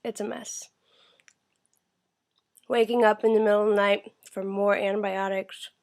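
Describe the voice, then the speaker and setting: A woman's voice: mid-range voice, flat delivery, moderate pace, creaky, darkish tone. Young woman rambling through a video diary. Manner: rambling, many fillers, talks while eating. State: unwell, tired. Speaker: vlogger. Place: at home, indoors.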